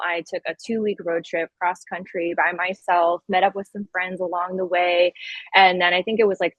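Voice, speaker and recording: This is a woman in her thirties from Connecticut, on the US East Coast, with a lowish voice, no echo, and phone-quality sound. She's an event planner appearing as a podcast guest, chatting informally and conversationally in a casual interview.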